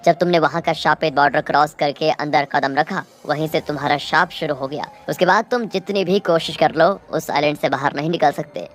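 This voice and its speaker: A woman with a low voice retells a movie's plot in a dramatic storytelling manner. She talks to viewers directly, as if to friends. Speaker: movie recap narrator.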